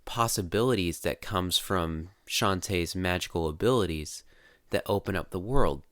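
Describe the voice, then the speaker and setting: Nasal deep-voiced man, rambling. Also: moderate pace, a bit bright, no echo, studio quality. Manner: rambling, self-correcting. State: nasal from allergies. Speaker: fan sharing a game story. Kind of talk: casual recorded monologue.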